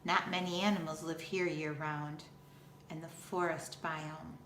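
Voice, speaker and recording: A deep-voiced woman reads a children's picture book aloud like a schoolteacher, unhurried, deliberate and expressive. The room gives noticeable echo, and a faint layer of noise sits behind her.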